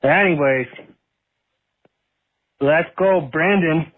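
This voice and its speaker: A man's voice: a little high, drawn-out words. A man leaving a mock-earnest, teasing voice message, played back from a phone recording. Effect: voice message played back over the stream. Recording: tinny phone-line voicemail.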